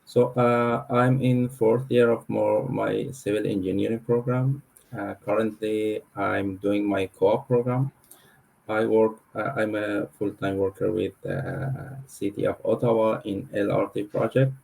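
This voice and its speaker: Gravelly low-voiced young man, hesitant. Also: little pitch movement, unhurried, a little mellow, rough recording. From Iran. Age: young adult. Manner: hesitant, with many fillers. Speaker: student panelist.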